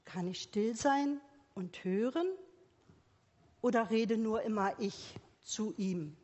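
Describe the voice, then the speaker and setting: A woman preaching a gentle sermon to a congregation with children, asking many quiet questions. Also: medium pitch, lively intonation, takes it slowly, lo-fi sound. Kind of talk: slow sermon for church and children. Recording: long reverb of a church hall.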